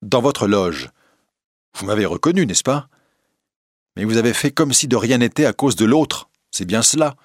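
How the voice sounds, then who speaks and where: A man with a low, husky voice reading the lines of a young nobleman in love, speaking insistently. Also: sing-song, a little slow, a bit bright, no room sound, studio quality, full character voice. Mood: impassioned.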